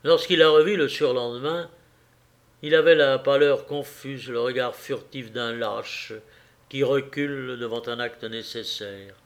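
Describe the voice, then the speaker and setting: A man reading a classic novel aloud in a measured, solemn manner with long pauses. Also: mid-range voice. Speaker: audiobook reader. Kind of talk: literary narration.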